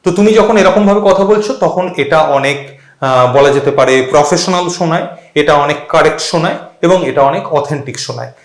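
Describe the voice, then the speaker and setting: A man's voice: fairly high pitch, normal speed, reverberant. A man giving a spoken English lesson, explaining step by step and spelling words out. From West Bengal. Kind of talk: instructional talk to camera.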